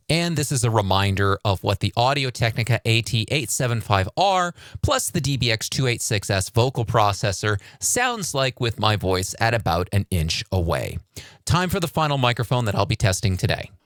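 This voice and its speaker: A man's voice: mid-range voice, a bit bright. A man presenting a hands-on microphone test in a casual, informal, explanatory way. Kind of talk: casual hands-on gear review talk. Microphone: test microphones at varying distances, clip-on and shotgun.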